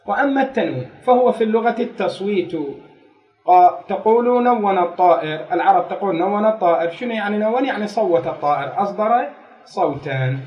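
A man lectures on grammar in a fairly high voice, moving step by step through a text. He repeats key phrases and poses rhetorical questions to the class. The sound is roomy and echoey, picked up from a distance. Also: animated, fast talker, muffled recording. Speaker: grammar teacher.

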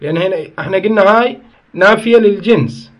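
A man's voice: high voice, quick pace, a bit bright. A man teaching a grammar lesson, explaining step by step, asking and answering his own questions and correcting himself as he goes. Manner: corrects himself mid-sentence.

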